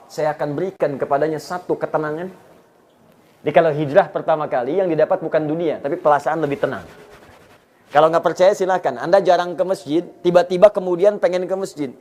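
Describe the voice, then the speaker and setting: Indonesian man preaching a lively sermon. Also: high-pitched. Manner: storytelling lecture, acting out dialogue with rising emphasis. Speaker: Islamic preacher.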